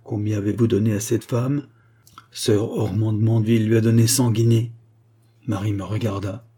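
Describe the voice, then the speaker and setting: A man reading a classic novella aloud as scripted narration, in a measured, dramatic manner. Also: lowish voice, steady tone, warm tone, husky. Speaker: audiobook reader.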